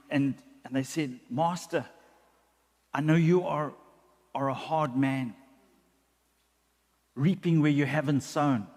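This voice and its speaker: A man's voice: medium pitch, darkish tone. A male pastor preaching a sermon, often repeating words as he builds a point. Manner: repeats words when building a point, acts out quoted voices. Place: church hall. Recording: long church hall reverb.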